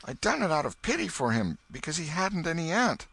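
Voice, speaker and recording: A man's voice: a little high, sing-song, a little fast, creaky, fairly bright tone, breathy edge, no echo, pitched above the performer's own voice, full character voice. A man voicing a mischievous young boy with a drawling country way of talking. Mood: sly.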